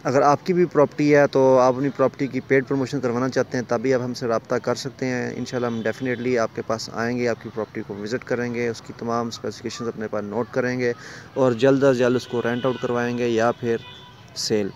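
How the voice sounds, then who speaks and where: A man's voice: medium pitch, little pitch movement, fairly quick, muffled recording, slight background noise. A man with a Pakistani Urdu accent gives a walking tour of a rental house. He talks in a salesy way and keeps pointing things out to the viewer. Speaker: property dealer giving a house tour. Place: large empty house, indoors and on stairs. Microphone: phone camera held while walking.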